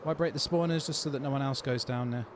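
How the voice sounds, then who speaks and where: A man's voice: medium pitch, quick pace, noisy background. A man with a London accent chatting casually on a gaming livestream, answering viewer questions in a laid-back way. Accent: London English. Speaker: gaming streamer.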